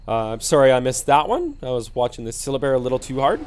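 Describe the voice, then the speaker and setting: A man's voice: mid-range voice, very animated, fast, a little mellow, soft background music. A man commentating a video game match alone, laid-back and explanatory with many fillers, sleepy and yawning. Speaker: esports commentator. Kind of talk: solo play-by-play game commentary.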